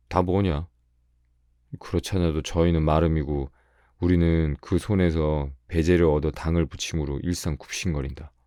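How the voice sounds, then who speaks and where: A man reading a short story aloud as a bedtime audiobook, calm and measured. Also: extremely low pitch, no room sound, clean studio sound. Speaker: audiobook reader.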